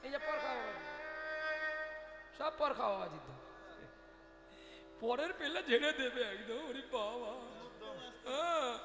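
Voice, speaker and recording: A man's voice: very high-pitched, animated, moderate pace, creaky, long pauses. A man preaching and telling stories at a devotional kirtan gathering, dramatic and addressing the audience directly. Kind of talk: devotional kirtan storytelling sermon. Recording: echoey hall with music.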